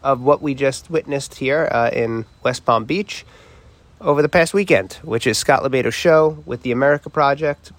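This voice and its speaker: A man's voice: mid-range voice, normal speed, no echo. Nasal-voiced man hosting a podcast. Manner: loose, chatty, many uh fillers. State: has a cold. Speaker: podcast host. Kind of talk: podcast introduction.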